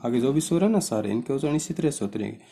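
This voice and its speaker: A man's voice: medium pitch, expressive, racing, mellow. A man teaching a grammar lesson, explaining step by step and putting questions to his students.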